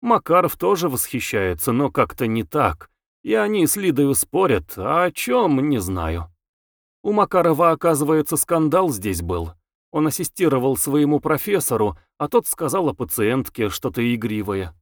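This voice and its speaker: Chatty excitable young woman, gossipy and exclaiming, read by a man in a raised, lively voice. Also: mid-range voice, normal speed, no echo, clean studio sound, pitched above the performer's own voice. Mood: gossiping. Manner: breathless, exclaiming, gushing. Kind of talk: audiobook character voice.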